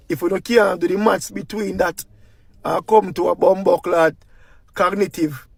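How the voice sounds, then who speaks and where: In heavy patois, a Jamaican man rants his way through political commentary, firing off one rhetorical question after another. His voice is high with a gravelly rasp, and the recording is dry with no room echo.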